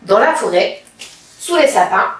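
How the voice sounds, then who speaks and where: A woman reading a children's story aloud, slowly and deliberately with dramatic pauses. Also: medium pitch, animated. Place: library. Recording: very echoey room, from far off.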